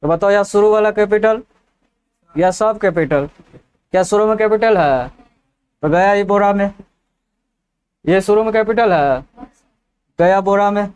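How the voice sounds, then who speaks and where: A man's voice: sits high, unhurried, pauses often, darkish tone, clear, resonant tone. A man teaching an English lesson in a folksy way, asking the class rhetorical questions and joking on the side.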